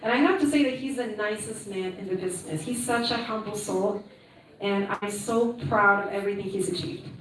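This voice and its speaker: A woman's voice: mid-range voice, fairly quick. Upbeat woman speaking in an echoey hall. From Peru. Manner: chatty, upbeat, frequent "right?" asides. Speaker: conference speaker. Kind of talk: personal storytelling talk. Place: conference hall. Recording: echoey hall, mic from a distance.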